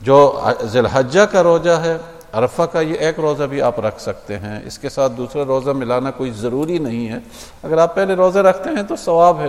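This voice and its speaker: Man giving a mosque talk, reverberant hall. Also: mid-range voice. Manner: explanatory, steady, with hesitation fillers. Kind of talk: religious talk to a congregation.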